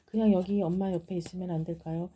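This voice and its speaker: A woman voicing a poor, loving old fisherwoman mother in a folktale, speaking gently and pleadingly. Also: on the low side, steady tone, fast, close to an everyday voice.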